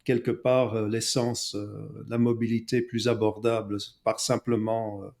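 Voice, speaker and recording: A Belgian-born man hosting an interview, speaking in a measured way with frequent fillers. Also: on the low side, flat delivery, vocal fry, darkish tone. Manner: measured, frequent "euh" and "donc". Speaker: host. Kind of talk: conversational interview.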